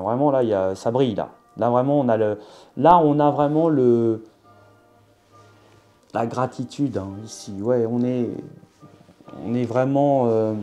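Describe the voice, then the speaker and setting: A man's voice: mid-range voice, mellow. Hesitant Southern French man reading cards. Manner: hesitant, many fillers and restarts. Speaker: astrology card reader. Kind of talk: casual tarot reading to camera.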